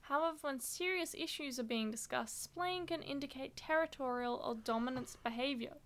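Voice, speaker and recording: A woman's voice: high-pitched, normal speed. A woman co-hosting a casual podcast, reading out body-language facts with frequent laughs and fillers. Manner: giggly, reads facts with many fillers. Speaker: podcast co-host.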